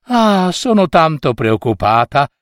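A man's voice: on the high side, sing-song, a little slow, no echo, clean studio sound. A man voicing a fussy, anxious baker woman who sighs and frets as she kneads, in a read-aloud storybook. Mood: fretting. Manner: sighing, fretful, pleading.

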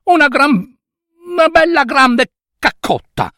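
A man doing a squeaky, breathless young girl. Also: big pitch swings, bright, forceful tone, no echo, studio quality, full character voice. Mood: sweet. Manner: rushed and pleading.

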